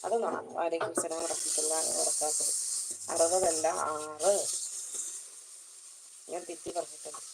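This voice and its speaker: A woman's voice: low-pitched, little pitch movement, a little slow, long pauses, background noise. A woman hosting a casual live stream from her kitchen, chatting and greeting viewers by name as she reads their comments. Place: home kitchen.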